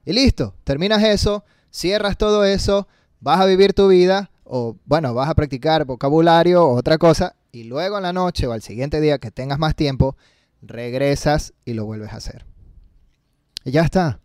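A man's voice: fairly high pitch, moderate pace, a little mellow, smooth, no room sound, clean studio sound. A man teaching English in Spanish, chatty and encouraging, slipping English words into his talk. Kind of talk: casual online lesson.

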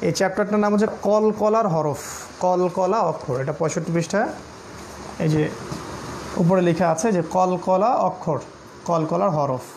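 A Bangladeshi man teaching Quran recitation in a recorded class, spelling out each syllable slowly and repeating it patiently. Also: sits high, darkish tone, slight background noise. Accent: Bangladeshi Bengali.

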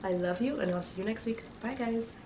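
Sounding congested and sick, a young woman with a slightly high voice talks fairly quickly to her viewers as a fashion vlogger. She rambles casually, filling her speech with fillers, recorded on a slightly distant mic with faint noise.

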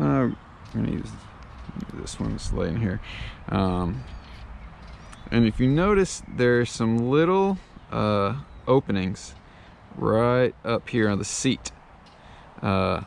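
A man with a lowish, gravelly voice talks through setting up a fly rod and reel in a relaxed tutorial. He explains each step slowly and loosely, with frequent ums and uhs. He is recorded outdoors on a body-worn camera, with faint noise behind him. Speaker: fly fishing instructor. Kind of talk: casual how-to tutorial. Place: outdoors on a lawn.

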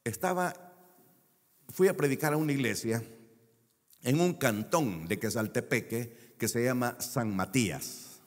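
A man's voice: medium pitch, expressive, unhurried, pauses often, in a large hall. A man preaching a sermon as a pastor, stretching key words for emphasis and telling a personal story. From El Salvador.

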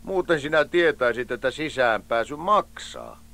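A man's voice: mid-range voice, lively intonation, vocal fry, sharp tone, voice pushed up. An actor playing a mocking know-it-all boy who laughs at and talks down to a friend. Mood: teasing. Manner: teasing, laughing, condescending.

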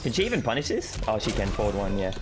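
A man hosting a gaming video, giving live commentary on a fighting-game match with excitable yells, groans and laughs. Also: lowish voice, fast. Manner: excitable, yelling reactions and groans. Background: game music.

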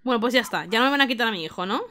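A young woman with a Spain Spanish accent giving casual let's play commentary, expressive and exclamatory, often laughing. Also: a little high, very fast. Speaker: gaming youtuber.

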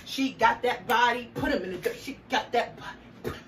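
A woman's voice: a little high, moderate pace, fairly bright tone. A young woman vlogging a clothing try-on haul, sassy and playful, hyping each outfit. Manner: sassy, playful, sings snippets and hypes outfits. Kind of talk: casual try-on haul chat. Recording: distant mic with audible background noise.

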